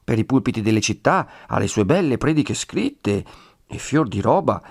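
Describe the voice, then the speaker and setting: A man's voice: medium pitch, sing-song, moderate pace, gravelly, breathy edge, dry recording, exaggerated voice. A talkative, self-assured friar explains things at length in a slightly raised voice, as a man puts him on. It is an audiobook reading with a dry, close sound. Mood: chatty, explaining. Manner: talkative, lecturing, reassuring. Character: chatty, self-assured friar, Fra Galdino.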